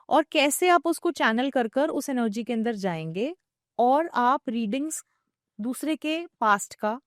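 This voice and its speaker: A woman's voice: high-pitched, no echo, studio quality. A woman podcast guest, an Akashic record reader, explaining her practice at length and mixing English phrases into her talk.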